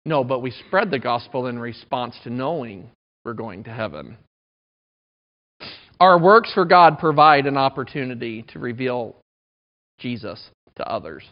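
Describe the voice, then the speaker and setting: A man's voice: mid-range voice, animated, measured pace. Conversational male preacher in his thirties. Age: 30s. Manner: conversational, self-deprecating humor. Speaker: pastor. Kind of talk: sermon. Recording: dull lo-fi recording.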